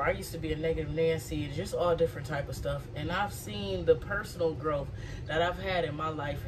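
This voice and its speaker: A woman's voice: deep voice, recorded from a distance, background noise. A woman in her thirties chatting to camera in a small home kitchen in a loose, reflective, rambling way. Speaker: vlogger. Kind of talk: casual chat to camera while cooking. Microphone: phone camera propped on counter.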